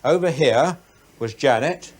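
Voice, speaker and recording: A man, an investigator, explaining recordings in a measured, explanatory way. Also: fairly high pitch, animated, husky.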